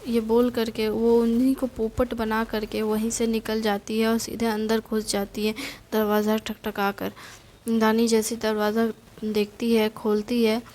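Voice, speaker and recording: A woman narrating a story casually, as if chatting. Her voice is somewhat high and stays in a narrow, level band, with an unhurried, plain delivery. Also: completely flat delivery, a little mellow, slight background noise. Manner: plain retelling with frequent "jis par vo kehti hai".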